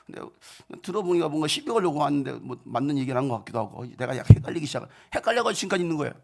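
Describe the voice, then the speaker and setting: A middle-aged male pastor giving an animated storytelling sermon, swinging from shouts to hushed asides. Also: fairly high pitch, very fast, gravelly.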